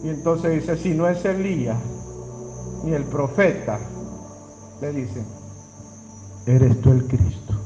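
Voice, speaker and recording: A man preaches a sermon slowly with frequent pauses, dramatically acting out dialogue with sudden pitch swings. He speaks directly to the congregation and calls on them to repeat after him, in a muffled recording with music in the background.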